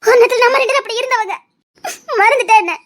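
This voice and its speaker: Very high, quick, sobbing pleas from a weepy, jealous young lover. She keeps talking through tears in TV serial melodrama. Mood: tearful pleading. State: crying. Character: young woman, jealous, clingy, weepy in love. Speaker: lovesick cousin in a TV serial.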